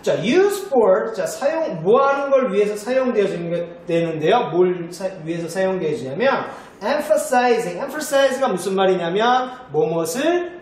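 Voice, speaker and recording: A male teacher explaining vocabulary with a high, lively voice that swings all over its range. He stays chatty and keeps turning to his students to check that they follow. The sound bounces hard around a very echoey room, with a little faint noise underneath. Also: unhurried, few pauses. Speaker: English teacher.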